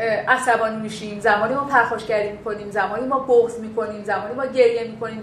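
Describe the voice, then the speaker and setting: A woman instructor giving a classroom lecture on communication, animated and acting out quoted dialogue. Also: a little high, echoey room, a little hiss or hum, rough recording. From Bakhtiari heritage.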